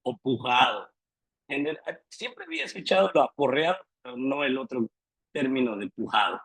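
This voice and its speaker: A man's voice: mid-range voice, sing-song, moderate pace, fairly bright tone, slightly rough, no echo, low-quality recording. A man giving an academic lecture, hesitant, repeating words and often checking in with his listeners.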